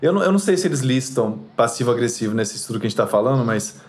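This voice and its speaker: A man with a Brazilian accent, a guest creator in a casual podcast chat, animated and laughing as he tells stories. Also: medium pitch, fast talker.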